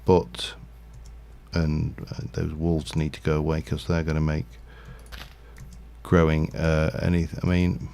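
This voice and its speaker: Low gravelly man streaming. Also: completely flat delivery, slow pace, dark tone. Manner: rambling, thinking aloud with frequent fillers. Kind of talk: casual Minecraft livestream commentary.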